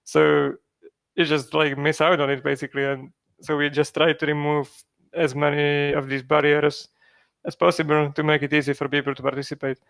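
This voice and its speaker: A man's voice: on the high side, flat delivery, moderate pace, vocal fry, a bit bright, no echo. A man, a project founder from Czechia, answering interview questions in a rambling way with many fillers and restarts.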